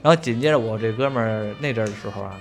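A man's voice: on the low side, very fast, creaky, faint music behind. A man telling a story in casual chat, swearing freely and laughing along.

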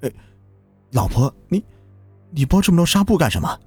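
A man's voice: fairly high pitch, big pitch swings, normal speed, a little mellow, husky, dry recording, voice pushed up, heavily acted. A man voicing a cowardly, trembling husband who stutters and repeats words in fear. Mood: anxious. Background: music.

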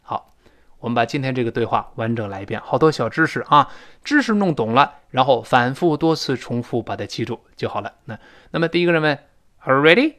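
A man teaching spoken English, explaining phrases in a lively way and reading English lines slowly and clearly. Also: mid-range voice.

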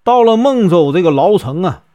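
Lively Northeastern storyteller man. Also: high voice. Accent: Northeastern Mandarin. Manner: chatty, with many drawn-out fillers. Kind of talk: casual storytelling.

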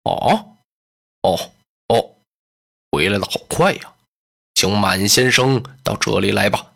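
A storyteller voicing a smug, powerful male warlord chancellor in traditional storytelling, with a deep, drawn-out, stately delivery. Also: gravelly, fairly bright tone, full character voice. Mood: calm, probing. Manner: slow, measured, grandly courteous.

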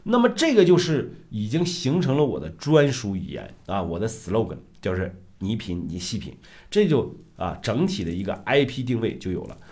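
Middle-aged male host, casual lecture, animated rising and falling delivery, conversational. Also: on the low side, moderate pace. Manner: lively, emphatic, rhetorical questions. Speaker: self-media coach, show host. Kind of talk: casual talk-show lecture.

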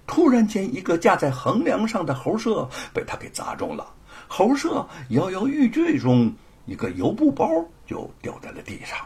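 Raspy, animated male storyteller. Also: sits high, normal speed. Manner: dramatic, animated narration. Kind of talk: traditional spoken storytelling.

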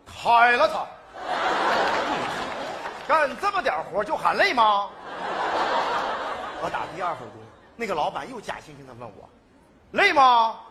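Excitable high-voiced man doing stage comedy. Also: fairly quick, a crowd in the background. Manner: pleading, excitable, shouts punchlines. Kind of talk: live stage comedy sketch. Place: stage before a live audience. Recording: noisy live stage with audience laughter. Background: audience laughter and hall noise.

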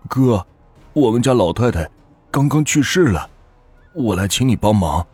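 Grieving villager, tearful and pleading, husky and dry, as the storyteller plays him. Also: male voice, medium pitch, lively intonation, moderate pace, darkish tone, dry recording, faint music behind. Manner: mournful, pleading.

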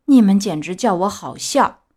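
A woman voicing a mischievous, boastful wooden puppet boy in a storybook reading, with a high, loud, playful child voice. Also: expressive, moderate pace, natural voice. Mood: defiant.

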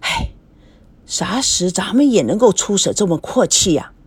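Give me a woman playing a nervous grown son in an audiobook, hurried. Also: mid-range voice, animated, husky, no room sound.

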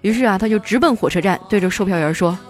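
Lively woman telling comic stories. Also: medium pitch, fast, soft background music. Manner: lively, puts on voices for characters in jokes. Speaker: comedy show host. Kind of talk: scripted comic storytelling.

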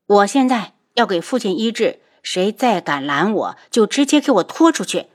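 A young princess gives orders in a cool, clipped, commanding tone, as a woman narrator plays her. The delivery stays lively in pitch yet controlled. Audiobook drama. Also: normal speed. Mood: cold. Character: cold, commanding young princess, calm and cutting.

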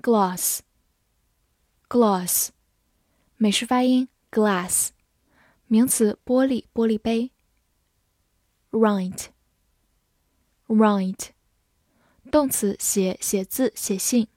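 A woman's voice: on the high side, fairly even intonation, dark tone, no echo, clean studio sound. A young woman teacher leading a vocabulary lesson, saying each English word twice before explaining it. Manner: reads words twice, slow and clear, then glosses.

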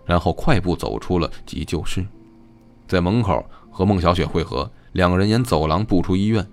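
A man narrating an audiobook story in a steady, scripted storytelling delivery. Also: low voice, normal speed.

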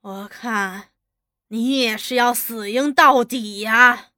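A woman voicing a scheming, cruel male officer who mocks and threatens, barking orders loudly. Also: fairly high pitch, slow, dry recording, studio quality. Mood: menacing. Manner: mocking, threatening, loud barked orders.

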